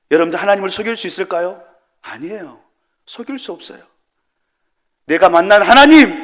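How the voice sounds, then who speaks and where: A man preaching in a church sanctuary with a high voice, throwing question after question at his listeners. He swings from loud, pleading cries down to hushed murmurs. His words ring out with a long hall reverb. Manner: rhetorical questions to the congregation. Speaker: pastor. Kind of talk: sermon.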